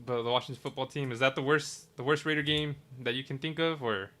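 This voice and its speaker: A man's voice: mid-range voice, fast talker, crowd noise. A man hosting a podcast, telling stories in casual chat, acting out quotes and laughing, with some swearing. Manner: animated storyteller, laughs through retold quotes, swears. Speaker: podcast host.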